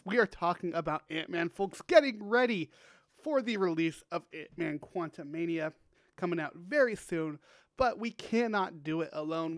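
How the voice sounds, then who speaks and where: A man's voice: a little high, no room sound. A man hosting a casual podcast, upbeat and rambling with plenty of fillers. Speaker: podcast host.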